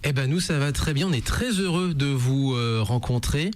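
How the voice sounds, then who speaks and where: A man's voice: medium pitch, lively intonation, normal speed, a little hiss or hum. A man hosting a radio interview, friendly and hesitant with many fillers, on a studio microphone. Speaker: radio host.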